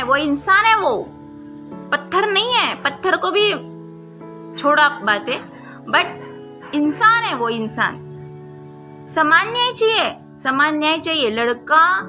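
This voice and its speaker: A woman with a high voice talks straight to camera in an impassioned, pleading monologue and leans hard on repeated phrases. Clear background music runs beneath her voice, and the recording sounds like it was made indoors while construction went on outside. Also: pushed and bright. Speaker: social commentary vlogger.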